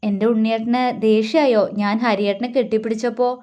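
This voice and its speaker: A woman voicing an affectionate, playful young wife who coaxes and teases gently. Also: fairly high pitch, steady tone, brisk, natural voice. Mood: loving. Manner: coaxing, sweet and teasing.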